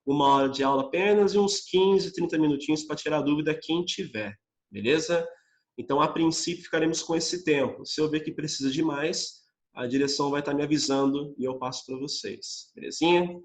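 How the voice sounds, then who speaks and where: A man's voice: fairly high pitch, roomy sound. Chatty young Brazilian man teaching English. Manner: chatty, reads English phrases slowly and clearly. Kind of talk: online class lecture. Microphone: computer mic on a video call.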